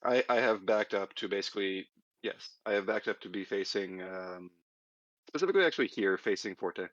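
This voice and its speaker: A man playing a tabletop game who asks careful, deliberate questions. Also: on the low side, fairly bright tone, no room sound, highs cut off. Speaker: player.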